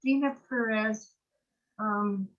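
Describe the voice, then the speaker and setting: A woman in her late seventies with missing front teeth chats effusively but haltingly during an online gathering, her voice medium in pitch. The video-call audio is muffled and band-limited.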